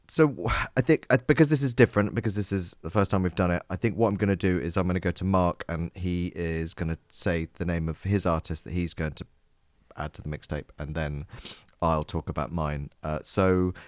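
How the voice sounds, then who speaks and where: On a music podcast, a low-voiced male co-host rambles playfully, tossing out jokes and lots of filler words in a casual chat. The recording is dry.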